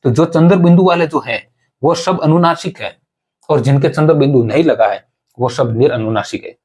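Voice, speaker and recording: A man's voice: on the high side, normal speed, a little mellow, breathy edge. A man teaching an exam-prep grammar lesson, explaining step by step, repeating points and asking rhetorical questions of his students.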